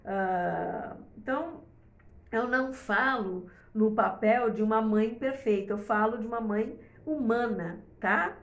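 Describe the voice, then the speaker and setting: A middle-aged woman talks through parenting advice in a loose, rambling way, dotted with fillers and little check-in questions. Her voice sits on the higher side and jumps up higher still when she stresses a point. The sound is roomy, with a clear echo off the walls. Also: slow, lo-fi sound. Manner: chatty and rambling, with many fillers and tag questions. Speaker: mother giving parenting advice. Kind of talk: casual advice talk to camera.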